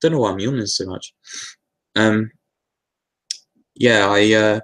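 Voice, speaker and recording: A man with a lowish, gravelly voice, talking through viewer questions in an easygoing live Q&A. He wanders a little, restarts sentences and leans on plenty of fillers. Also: a little fast. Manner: relaxed, meandering, with many fillers and restarts. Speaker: host answering viewer questions. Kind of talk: casual live Q&A talk.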